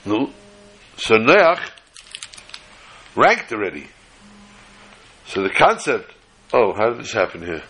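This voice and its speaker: A man with gives a religious lecture as a rabbi, reading and explaining texts deliberately and repeating phrases for emphasis. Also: lowish voice, big pitch swings, a bit bright, husky, rough recording. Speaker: rabbi giving a Torah lesson.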